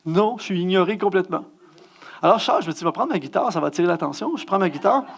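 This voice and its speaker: A man's voice: quick pace, vocal fry. A middle-aged man with a Quebec French accent giving a self-mocking, story-driven sermon as a guest speaker and musician. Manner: animated, self-mocking, acts out scenes with big pitch jumps.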